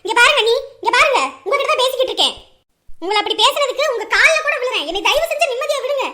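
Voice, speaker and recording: An actress playing a resentful young daughter-in-law who pleads defensively and complains quickly. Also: female voice, extremely high pitch, animated, sharp tone, full character voice. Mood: defensive pleading. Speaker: daughter-in-law in a family drama.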